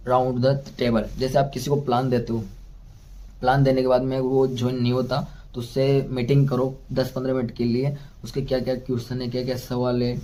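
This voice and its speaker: A man's voice: medium pitch, dark tone. A man giving a motivational sales training talk, calling the listener "friend" and going through numbered steps one by one. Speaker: network marketing trainer.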